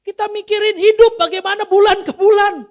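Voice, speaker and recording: A man with a strikingly high voice preaches in a church. He keeps the tone loose and humorous and keeps throwing questions at the congregation. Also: steady tone, brisk. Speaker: pastor. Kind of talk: sermon.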